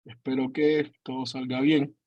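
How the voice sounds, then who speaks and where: A man's voice: mid-range voice, flat delivery, unhurried, no room sound, highs cut off. A man, a pastor giving an earnest online teaching talk, hesitating often with fillers, on a computer mic during a video call. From Cuba.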